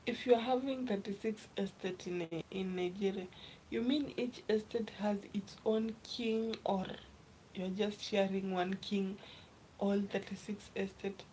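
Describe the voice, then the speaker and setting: A young woman from Kenya chats on a live stream in a slow, unhurried way, greeting viewers and reading their comments aloud. She often slips into a soft, half-whispered voice at a mid pitch. Faint noise hums behind her phone recording. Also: fairly even intonation, rough recording. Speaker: livestreamer. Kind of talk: casual live stream chat.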